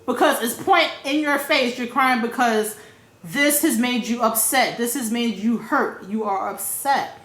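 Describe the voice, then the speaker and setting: High-voiced blunt woman ranting. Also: a little slow, a bit bright, echoey room. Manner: blunt, profane, repeats points for emphasis. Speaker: vlogger. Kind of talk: casual opinion rant.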